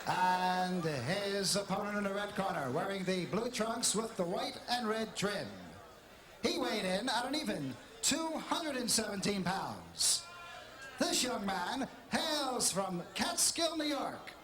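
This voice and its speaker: A man working as a boxing ring announcer, making formal, projected introductions with drawn-out, emphatic names. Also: high voice, sing-song, fairly bright tone. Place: boxing arena, over the PA. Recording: echoey arena, clear crowd noise.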